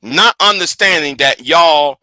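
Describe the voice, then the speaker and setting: High, bright-voiced stammering man in his forties. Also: unhurried, no room sound. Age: 40s. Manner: stammering, repeats words, animated and defensive. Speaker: livestream host. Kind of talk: heated livestream talk.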